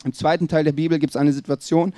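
A man's voice: on the high side, steady tone, fast, dark tone, no room sound, studio quality. A man preaching a sermon, speaking emphatically and addressing the listener directly with rhetorical questions.

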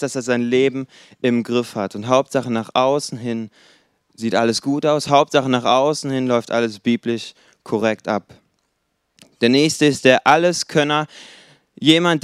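A man preaching a sermon, lively and acting out the people he describes in short quoted bits. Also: medium pitch, smooth, dry recording, studio quality. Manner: lively, acts out quoted voices.

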